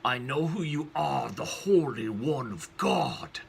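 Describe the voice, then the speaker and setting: A man voicing a menacing demonic unclean spirit in a loud, strained voice, pitched above his own. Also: lively intonation, slow pace, gravelly, husky, full character voice.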